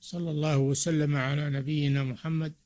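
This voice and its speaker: An older man, a sheikh, giving a slow and measured religious lecture with frequent pauses. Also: fairly high pitch, flat delivery, a little mellow. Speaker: sheikh giving a Ramadan talk.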